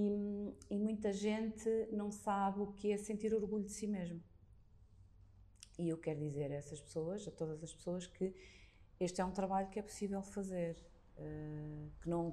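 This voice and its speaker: A woman's voice: on the low side, dark tone. A woman with a European Portuguese accent speaking in a reflective, earnest and encouraging way as a guest in a conversation. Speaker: podcast guest, workshop leader.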